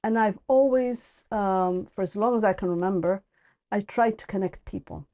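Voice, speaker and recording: A woman's voice: medium pitch, normal speed, mellow. A middle-aged woman from Ethiopia and the UAE, a podcast guest talking in a thoughtful, hesitant way with many restarts. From born in Ethiopia, raised in the UAE. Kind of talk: casual conversational interview.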